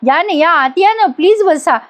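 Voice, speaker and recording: A woman's voice: very high-pitched, animated, normal speed, pitched above the performer's own voice. A woman doing a flustered young student girl. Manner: eager, fussing.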